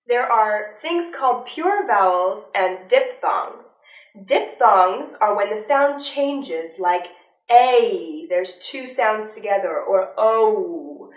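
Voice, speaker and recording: A woman's voice: medium pitch, expressive, takes it slowly. Woman teaching singing in a roomy space. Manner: clear demonstrative teaching, sings examples. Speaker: vocal instructor. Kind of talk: instructional voice lesson. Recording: roomy, from a distance, with faint music.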